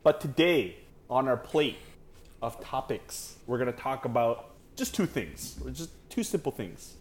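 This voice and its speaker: A man co-hosting a casual podcast chat, talking in a relaxed, rambling way full of fillers. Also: mid-range voice, unhurried. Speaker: podcast co-host.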